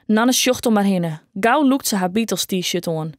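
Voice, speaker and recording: Brief: Frisian-accented woman narrator, steady audiobook read, mid pitch, dry close mic. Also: moderate pace, no echo. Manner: steady storytelling. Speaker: audiobook reader.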